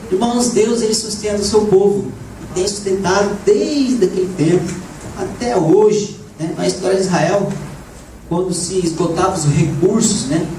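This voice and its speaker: A slightly hoarse man preaching a lively sermon to a congregation, often asking "né?" and rising into shouts. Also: high-pitched, moderate pace. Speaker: evangelist preacher. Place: church hall. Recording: echoey church room, voice from far off, background noise.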